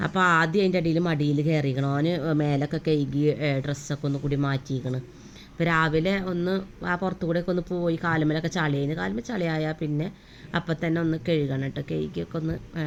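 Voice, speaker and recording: A young mother talks through her day in a quick, homely, chatty voice-over. Her voice sits low for a woman. A faint room ambience hums underneath. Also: lo-fi sound, slight background noise. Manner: chatty, homely, with frequent tag words. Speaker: vlogger, mother. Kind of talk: casual day-in-my-life voice-over.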